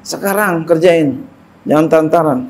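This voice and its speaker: A man's voice: on the high side, measured pace, slight background noise. A middle-aged man giving a casual religious lecture, speaking colloquially, repeating phrases and chuckling through his stories. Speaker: Islamic preacher teaching a classical book.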